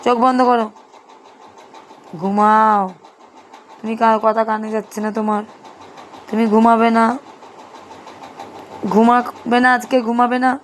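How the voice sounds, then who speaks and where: Woman, Bengali accent, young mother, high voice, baby talk and mild scolding, phone recording with faint hum. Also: little pitch movement, measured pace, long pauses. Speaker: mother vlogger. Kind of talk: talking to her baby. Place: home at night.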